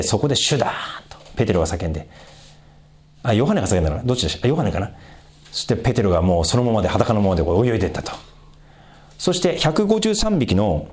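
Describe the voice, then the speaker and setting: A man giving a conversational sermon as a pastor, asking the congregation questions and swinging his pitch for emphasis. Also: darkish tone.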